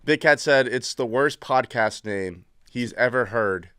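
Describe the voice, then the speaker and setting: A man's voice: mid-range voice, a little slow, fairly bright tone, clear, resonant tone, dry recording, clean studio sound. A man hosting a casual sports podcast, with a brash, teasing, sweary way of talking. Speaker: podcast host.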